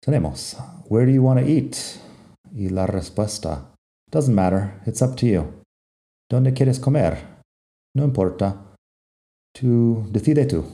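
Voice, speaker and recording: Slow, very dark-voiced male teacher. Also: medium pitch, gravelly. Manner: reads both sides of short dialogues. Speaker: English teacher. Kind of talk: explaining English phrases to Spanish speakers.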